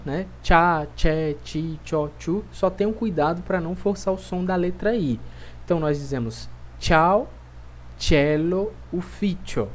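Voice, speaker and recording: A man with a Brazilian Portuguese accent teaching a pronunciation lesson, speaking clearly and repeating each word slowly for drilling. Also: fairly high pitch, darkish tone. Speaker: language teacher.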